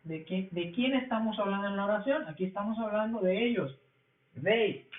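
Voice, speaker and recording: A man with a Mexican Spanish accent teaching an English grammar lesson, explaining slowly and repeating each point. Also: high-pitched, a little hiss or hum. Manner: slow, repetitive explaining. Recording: echoey, phone-like lo-fi sound.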